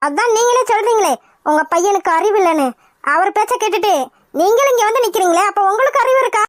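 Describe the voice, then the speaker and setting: A woman's voice: very high-pitched, fast, no room sound. A woman voicing a young widowed doctor in a cartoon, speaking earnestly and defiantly. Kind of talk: cartoon voice acting.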